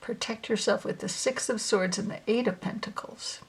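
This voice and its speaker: A woman's voice: medium pitch, fairly even intonation, normal speed, slight background noise. A woman hosting a casual tarot unboxing video, musing to herself as she handles the cards, a little out of breath. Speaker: tarot channel host.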